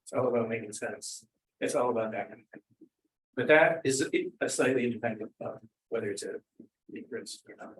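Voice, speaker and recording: A man's voice: mid-range voice, brisk, fairly bright tone, slight background noise, rough recording. Man giving an academic talk. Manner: thinking aloud with restarts. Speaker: speaker.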